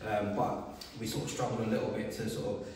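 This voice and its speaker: A man, a football manager giving a relaxed post-match interview full of fillers. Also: fairly low pitch, fairly quick, a little hiss or hum. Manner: relaxed, many fillers and "sort of". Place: bare indoor room by a wall, seated. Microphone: camera a few feet away. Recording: echoey room from far off.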